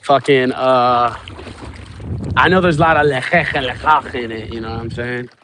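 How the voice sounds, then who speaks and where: Speaking at a medium pitch and normal pace over background noise, a man from Cuba streams live from a small boat on open water. He chats with viewers through his phone in a rambling, foul-mouthed, stoned manner.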